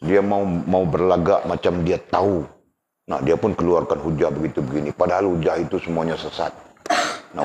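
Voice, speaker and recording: A man's voice: low voice, a little mellow, a little hiss or hum. A man teaching a religious lesson in a conversational way, often asking his students questions. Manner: conversational, rhetorical tag questions, addresses students. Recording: dull lo-fi recording.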